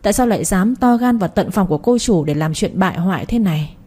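A man's voice: high voice, animated, fast talker, warm tone, slightly rough. A woman voicing a male household servant who scolds and gloats while accusing in a storybook reading.

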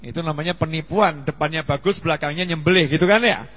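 Guy in his 40s preaching, bright edgy voice, jokey, acts out little scenes, big reverb. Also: fast. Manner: lively, acts out greetings and dialogue with big pitch jumps. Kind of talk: humorous sermon. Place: Islamic study gathering hall. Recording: long reverb in a hall.

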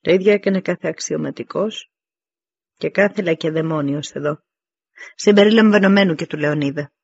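A man's voice: on the high side, creaky, husky, dry recording, lo-fi sound. A man reading the part of a stern veteran Spartan warrior in an audiobook, giving commanding speeches.

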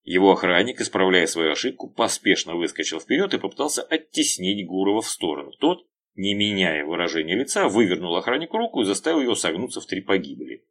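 A man narrating an audiobook in a lively, expressive reading. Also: deep voice, quick pace. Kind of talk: scripted narration.

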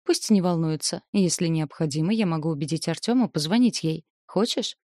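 A woman's voice: low-pitched, a little fast, dark tone, dry recording, clean studio sound. A woman reading the lines of a cocky, self-satisfied young male student who drawls out his teasing. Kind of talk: audiobook character voice.

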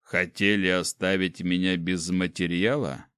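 A man playing a cold, scornful ancient dark mage who speaks slowly and mockingly in an audiobook. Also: deep voice, level tone, clean tone, dry recording, clean studio sound. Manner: slow, mocking, detached. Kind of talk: audiobook character voice.

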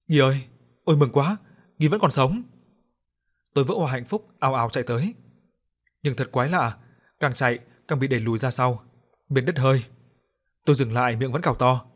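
A man reads a novel aloud as an audiobook narrator. His pitch is ordinary for a man. His storytelling is expressive and scripted.

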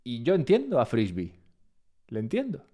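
A mid-range voice at normal speed belongs to a man from Spain with a Spain Spanish accent. Chatting casually from home with his live-stream chat, he rambles along, relaxed and ready to laugh at himself.

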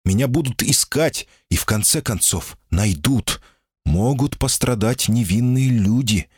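Man doing a fearful golem woman, audiobook, anxious, pleading, raised pitch, dry close sound. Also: animated, unhurried, a little mellow, husky, no echo. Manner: anxious, pleading, often cries out. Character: timid, guarded female golem in human shape. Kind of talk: audiobook character voicing.

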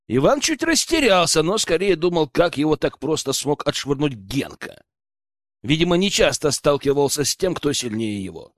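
A man narrates a first-person adventure with wry expression. His fairly high voice moves through a wide, lively range. The sound is dry and close. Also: dry recording. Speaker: audiobook narrator.

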